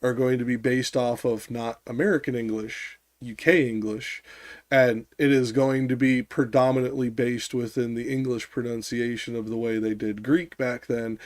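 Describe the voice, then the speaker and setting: A man's voice: mid-range voice, steady tone, moderate pace, no room sound. Rambling man hosting a casual stream. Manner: rambling, heavy fillers and restarts, swears. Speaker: streamer host. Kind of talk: casual live-stream discussion.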